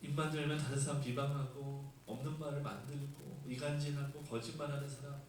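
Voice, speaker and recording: A man's voice: on the high side, flat delivery, brisk. A male pastor giving a Sunday sermon and explaining scripture in a conversational way, with rhetorical questions. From South Korea. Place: church sanctuary. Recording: echoey room, mic at a distance, faint hiss.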